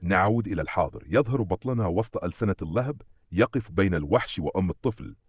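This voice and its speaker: A male narrator with a very deep voice and a husky grain recaps a comic story in steady, dramatic scripted narration. The sound is dry and close, with no room around it. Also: fast talker, no echo.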